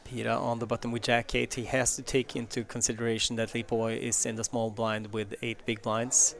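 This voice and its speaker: A man's voice: medium pitch, flat delivery, a little fast, gravelly. A man giving play-by-play commentary on a live poker tournament.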